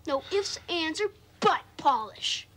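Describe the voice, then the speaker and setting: A man's voice: very high voice, very animated, takes it slowly, bright, forceful tone, full character voice. A young male actor playing a sly, taunting little brother in a film comedy.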